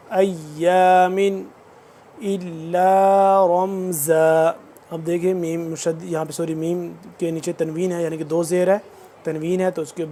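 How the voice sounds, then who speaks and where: A high-pitched man with a Pakistani Urdu accent teaches tajweed. He draws out each recited phrase slowly, then breaks into quick, quiet explanations of the letters. His tone is mellow and fairly flat. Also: a little hiss or hum. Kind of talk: tajweed lesson, slow recitation with fast spoken explanations.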